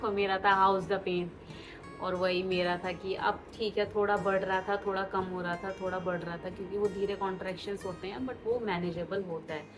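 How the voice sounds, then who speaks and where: A woman's voice: medium pitch, fairly even intonation, moderate pace, music in the background, poor audio. A young woman vlogger telling a personal story in an emotional way, mixing Hindi and English.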